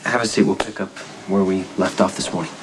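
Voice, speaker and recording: An actor playing a reassuring young man on the run, speaking in a soothing, steady way, in a soap opera scene. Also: deep voice, fast, lightly acted. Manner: soothing, steady, gently teasing. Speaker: fugitive hiding under a false name. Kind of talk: daytime soap opera acting. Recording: soap scene with music bed.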